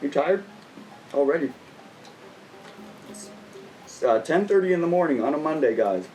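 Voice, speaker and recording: A man's voice: on the high side, animated, normal speed, warm tone, recorded from a distance, faint music behind, low-quality recording. A man in his late twenties talking to camera like a kids' party magician, with playful, exaggerated showmanship. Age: late 20s. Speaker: magician and video host.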